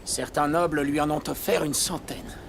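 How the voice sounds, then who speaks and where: A man's voice: a little high, steady tone, normal speed, creaky, slight background noise. A man playing a grave, formal admiral devoted to his duty in a dubbed film. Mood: measured, earnest. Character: grave, formal Chinese admiral sworn to protect a princess. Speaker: film voice actor. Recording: film soundtrack with music behind.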